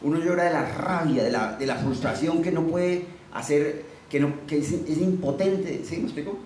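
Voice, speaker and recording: A man's voice: on the high side, moderate pace, a little mellow, reverberant, far from the mic, slight background noise, rough recording. A man preaching a sermon, teaching conversationally and asking his listeners questions as he goes.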